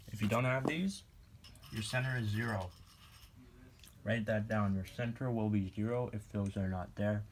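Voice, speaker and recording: This is a casual, homemade math session: a student tutors a classmate from a room at home, speaking slowly and jokily as he writes and snacks. The male voice is on the low side, with slight background noise.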